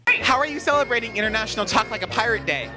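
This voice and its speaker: A man's voice: high voice, expressive, fast. A teenage boy roving a school hallway, goofily talking like a pirate to classmates. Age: teens. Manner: goofy, talks like a pirate. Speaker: student roving reporter. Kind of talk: playful hallway interviews. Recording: loud music and crowd noise. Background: loud music and crowd.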